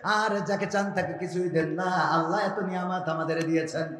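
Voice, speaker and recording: High-pitched man preaching a shouted chanted sermon. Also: fairly even intonation, normal speed, reverberant, long reverb tail, slight background noise. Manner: swings between high shouted chant and low intimate speech. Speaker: Islamic preacher. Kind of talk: rhythmic shouted waz sermon.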